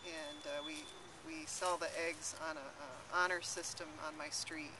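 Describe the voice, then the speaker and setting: A woman's voice: sits low, sing-song, unhurried. A young woman who runs an urban farm, answering interview questions in a thoughtful way with many fillers and restarts. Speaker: urban farmer. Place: outdoors in a city garden. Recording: loud outdoor background noise.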